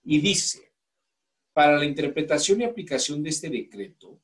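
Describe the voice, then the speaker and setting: Mexican guy teaching a law class, slightly high voice, keeps asking the room for volunteers. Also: animated, normal speed. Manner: asks the class questions and coaxes volunteers. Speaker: law course instructor. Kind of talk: classroom lecture.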